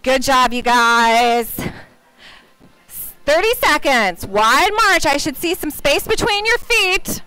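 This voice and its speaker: An American woman coaching an exercise class like a barking gym coach, calling out short, energetic, encouraging commands and countdowns. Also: high-pitched, slow pace, no room sound, poor audio. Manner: energetic, exercising while talking. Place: medium-sized indoor community room with class.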